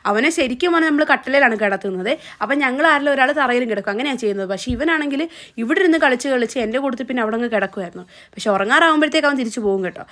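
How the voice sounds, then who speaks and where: A woman's voice: a little high, fairly bright tone. A young woman, narrating a family vlog in a chatty, casual way. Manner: chatty, often adds a tag question. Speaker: vlogger.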